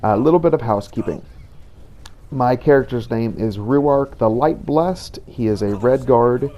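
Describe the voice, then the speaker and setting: Here a man hosting a gaming channel uses a mellow, mid-range voice at a measured pace. He gives a relaxed, explanatory introduction to a playthrough, sounding a bit hesitant, with clear background noise in the recording.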